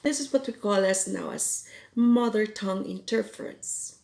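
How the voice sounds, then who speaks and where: At home in Ireland, a Filipino woman originally from the Philippines, whose first language is Cebuano, gives a careful English lesson on expressions. She speaks slowly, quoting example phrases, in a mellow mid-range voice with vocal fry.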